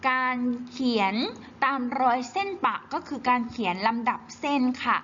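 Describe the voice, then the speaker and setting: A woman teaching Chinese in a slow, patient worksheet walkthrough, repeating each syllable clearly. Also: a little high, bright, forceful tone. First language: Thai. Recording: slightly dull, faint hiss.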